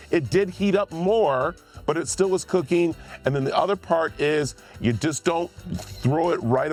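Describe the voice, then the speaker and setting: A man hosting a TV segment, talking with a guest in an enthusiastic, playful manner. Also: fairly high pitch. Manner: enthusiastic and playful, building suspense. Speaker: TV host. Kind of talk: interview chat.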